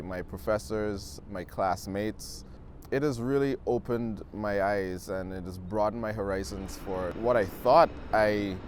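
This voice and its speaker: A man's voice: lowish voice, a little hiss or hum. A young man from Guyana, a film student speaking earnestly and reflectively in a documentary interview. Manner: earnest, reflective, casual with many "like" fillers.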